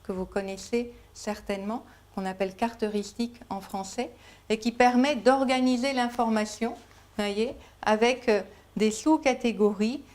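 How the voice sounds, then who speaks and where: A woman's voice: fairly high pitch, fairly even intonation, normal speed, darkish tone. A woman giving a conference lecture, explaining patiently and working through everyday examples. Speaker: lecturer at a Montessori school conference.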